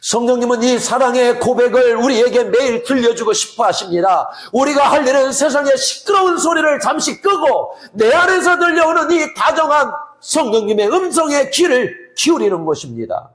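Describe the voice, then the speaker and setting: A man delivering a sermon in a gentle, earnest manner, building to emphatic swells. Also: very high-pitched, animated, normal speed, few pauses. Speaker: preacher. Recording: roomy echo.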